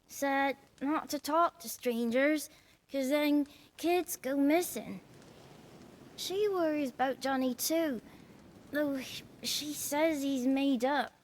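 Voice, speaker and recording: Slow, high-voiced British village child. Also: female voice, slight background noise. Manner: slow, halting, rustic uneducated speech. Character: small orphaned village child, defiant yet frightened. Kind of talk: video game voice acting.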